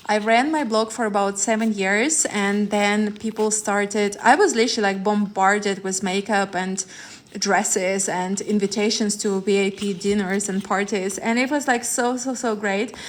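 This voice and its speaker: A woman's voice: medium pitch, fairly even intonation, a little slow. Chatty woman. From Ukraine. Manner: chatty, rambling, laughs often, many fillers and restarts. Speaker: tarot reader. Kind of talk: live-stream chat with viewers.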